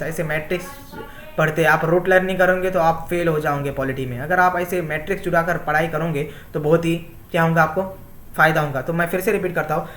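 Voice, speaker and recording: A man's voice: on the high side, a bit bright. A young man teaching an exam-prep class in Hindi mixed with Indian-accented English, often repeating himself and asking his students "my friends". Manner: repetitive, often asks "my friends" and "है ना". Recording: echoey room.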